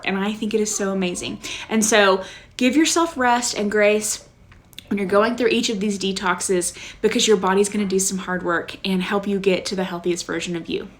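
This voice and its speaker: A bubbly young woman talking at home on a live stream, chatty and easygoing. She keeps checking in with her viewers as she goes, in an everyday mid-pitched voice. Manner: bubbly, chatty, says okay often. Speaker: wellness vlogger. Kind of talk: casual live-stream chat.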